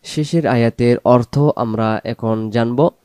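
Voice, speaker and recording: A man teaching Quran recitation, chanting verses slowly and drawing them out, then explaining pronunciation more quickly. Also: medium pitch, dark tone, clean tone, no room sound.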